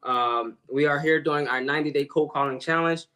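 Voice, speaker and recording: A man's voice: a little high, steady tone, normal speed, pushed and bright, rough recording. A man talking casually to his viewers as he makes real estate cold calls, rambling and correcting himself as he goes. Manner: rambling, self-correcting, addresses viewers directly. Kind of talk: casual vlog talk to viewers.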